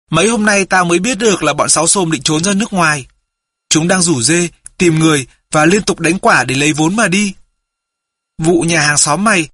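Man doing a remorseful runaway teen, heartfelt, bright husky voice, audiobook. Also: sits high, dry recording, studio quality. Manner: confessional, heartfelt. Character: remorseful teenage runaway boy. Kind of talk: audiobook character voice.

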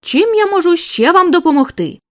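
A woman's voice: very high voice, sing-song, normal speed, no echo, studio quality, voice pushed up. A woman reading the lines of a blunt, breezy male police inspector in an audiobook, in an offhand, worldly way.

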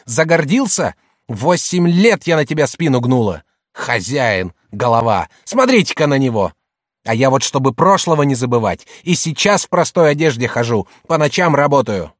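Audiobook: man plays a shrill, scornful middle-aged merchant's wife, loud and hectoring. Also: sing-song, normal speed, dry recording, clean studio sound, close to an everyday voice. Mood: shouting.

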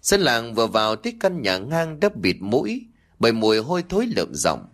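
A man's voice: medium pitch, fairly quick. A man narrating a scripted horror folk tale, telling it expressively and voicing the dialogue. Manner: lively, expressive storytelling with acted dialogue. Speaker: storyteller.

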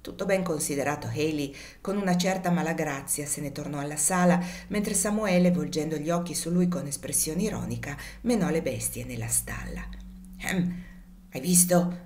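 A woman narrating a classic novel as an audiobook reader, expressive and measured. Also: low-pitched, a little hiss or hum.

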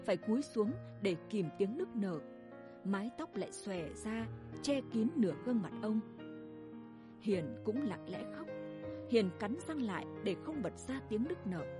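A woman narrating a village story in a soft, measured, sorrowful manner. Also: mid-range voice, animated, music in the background. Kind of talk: audiobook narration.

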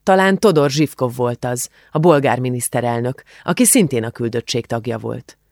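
A man reading an audiobook as narrator, telling the story in a measured, expressive way. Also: medium pitch, no room sound, studio quality. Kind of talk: scripted narration.

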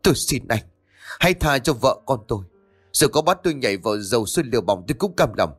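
A man's voice: mid-range voice, expressive, fast talker, slightly rough, faint music behind. Man voicing a desperate poor father. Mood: begging. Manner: shouting in anger, then begging.

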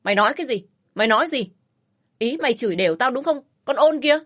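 A woman's voice: medium pitch, expressive, normal speed, natural voice. A woman voicing a spiteful, bullying sister-in-law who sneers and hurls insults. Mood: spiteful yelling.

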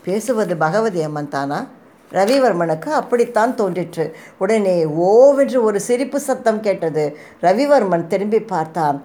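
A woman reading a historical novel aloud in a steady, dramatic storytelling manner. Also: medium pitch, a little slow. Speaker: narrator.

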